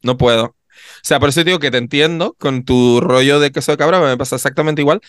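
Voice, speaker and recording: A man co-hosting a podcast in casual chat, expressive and full of little tag questions. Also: medium pitch, a little fast, no echo, clean studio sound. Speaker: podcast co-host.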